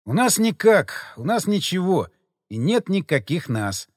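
A man's voice: fairly high pitch, very animated, normal speed, dry recording, clean studio sound. A man voicing a weary, wry lovesick guy. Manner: tired, wry, sighing.

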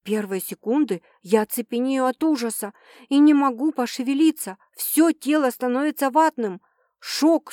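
A woman's voice: high voice, a little mellow, dry recording, clean studio sound. A woman reading a first-person audiobook with dramatic, tense storytelling. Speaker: audiobook narrator.

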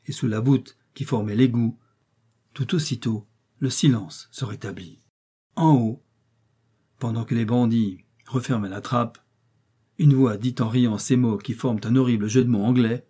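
Dark-voiced male audiobook narrator. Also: mid-range voice, measured pace, breathy edge. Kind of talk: scripted narration.

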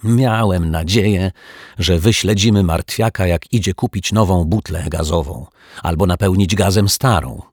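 A man's voice: deep voice, normal speed, a little mellow, slightly rough, no echo, clean studio sound. A man voicing a dismissive young boy helper in an audiobook, speaking offhandedly. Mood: offhand. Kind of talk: audiobook character voice.

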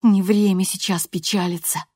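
A woman voicing a furious, defiant teenage girl who shouts bitter accusations. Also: mid-range voice, level tone, moderate pace, no room sound, studio quality, voice pushed up, natural voice.

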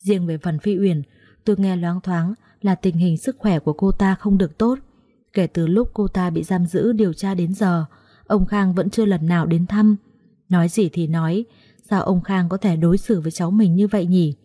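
Warm-toned woman narrating a story. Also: fairly low pitch, normal speed. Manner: lively, conversational storytelling. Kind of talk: first-person audiobook story narration.

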